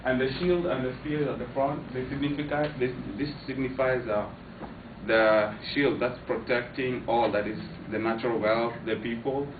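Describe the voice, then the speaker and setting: A Kenyan man gives an informative class speech hesitantly, full of fillers and restarts, in a medium-pitched voice with fairly even intonation and a moderate pace. It was captured on a far-off camera mic, so the sound is echoey, distant, tinny, and noisy.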